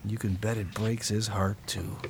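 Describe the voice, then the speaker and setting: An actor playing an earnest adult mentor who talks gently but preachily to teenagers. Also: male voice, on the low side, flat delivery, normal speed, a little hiss or hum, lightly acted. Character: earnest grown-up pastor figure, patient mentor.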